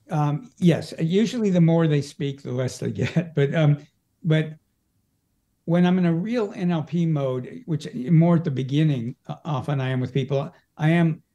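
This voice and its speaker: A man's voice: mid-range voice, dark tone. A man who works as an energy practitioner, talking as an interview guest, explaining his practice with frequent restarts. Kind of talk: casual conversational interview.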